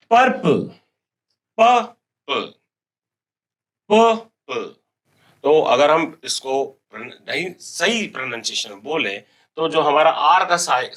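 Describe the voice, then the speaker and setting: Male teacher, Indian accent, slightly raised pitch, deliberate slow delivery, drills vocabulary by repetition. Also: a bit bright. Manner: slow, drawn-out repetition of words and spelling, letter by letter. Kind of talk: school English lesson explained in Hindi.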